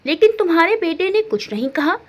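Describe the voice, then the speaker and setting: A sensible elderly father-in-law in a family storybook, played by a woman narrator, calm and advising as he lays down house rules. The voice sits lower than her own, yet stays high and lively for a man. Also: a little fast.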